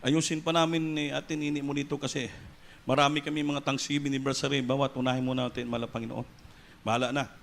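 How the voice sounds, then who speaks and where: A middle-aged Filipino man preaching a sermon, telling a personal story softly and then rising into loud exclamations, mixing English words into his speech. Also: medium pitch, flat delivery, fast talker, vocal fry, a little hiss or hum. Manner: switches between soft storytelling and loud exclamations; mixes English words into Tagalog.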